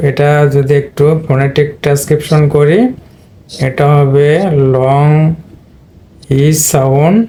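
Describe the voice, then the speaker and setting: A man's voice: a little high, flat delivery, slow pace, long pauses, mellow. A man teaching English spelling and pronunciation, explaining step by step and speaking directly to his students. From Bangladesh. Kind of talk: Bengali-language spelling and pronunciation lesson.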